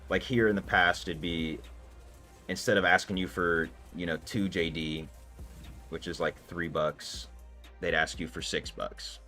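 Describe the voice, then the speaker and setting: His voice sits low and steady, measured in pace with a sharp tone. Streaming live as a gamer, he casually answers his viewers, rambling loosely with lots of fillers while faint music plays behind him.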